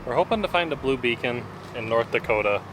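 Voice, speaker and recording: A man's voice: mid-range voice, lively intonation, quick pace, over music, low-quality recording. A man from the United States chatting casually as a travel vlogger. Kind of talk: casual travel vlog chat.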